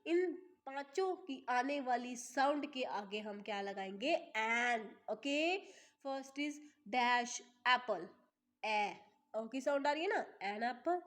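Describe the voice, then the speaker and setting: A woman with an Indian accent teaching English grammar, reading examples slowly and deliberately, then explaining quickly in Hindi. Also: on the high side, lively intonation. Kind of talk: classroom grammar lesson.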